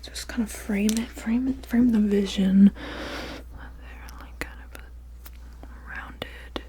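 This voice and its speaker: A woman whispers her way through a soft ASMR whispered role-play at a very unhurried pace. Her voice is breathy and mellow, often without any tone at all. She mumbles to herself in hesitant fragments, murmuring small hums as phrases trail away. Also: medium pitch, steady tone. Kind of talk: whispered ASMR role-play of studying the listener and taking notes.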